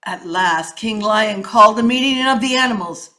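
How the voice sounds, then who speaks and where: Narrating a children's story, a woman storyteller gives a theatrical, emphatic performance peppered with rhythmic sound words. Her voice is mid-range with a sharp tone at normal speed.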